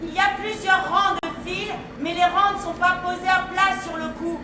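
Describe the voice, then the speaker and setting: A woman's voice: very high-pitched, fairly even intonation, moderate pace, background noise. An actress in a stage play playing a woman searching for her lost necklace. She explains at length in an earnest way and stammers when flustered. She is recorded from far off in an echoey theatre. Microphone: distant room mic. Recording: echoey hall from far off, music behind.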